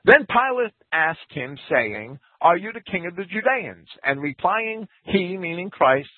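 Over a tinny, phone-like radio broadcast with no room sound, a Bible teacher lectures through a scripture commentary and reads quotes aloud. His pitch is lively and his pace a little slow.

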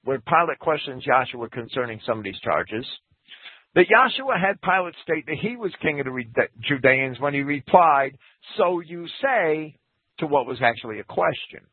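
A husky Bible teacher at a moderate pace gives a lecturing scripture commentary, reading quotes aloud with a lively pitch. The tinny, phone-like radio recording has no echo.

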